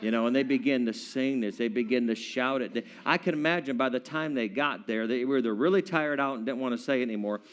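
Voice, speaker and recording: A man's voice: medium pitch, fast, hardly any pauses, clean tone. A man preaching a sermon in a church, playful, acting out scenes in voices and breaking into song.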